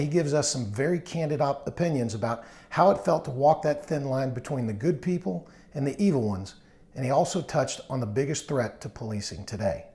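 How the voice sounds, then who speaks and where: A podcast host with a mid-range, darkish voice and a breathy edge reads a scripted intro. He then moves into a casual interview, asking rambling questions full of restarts and fillers.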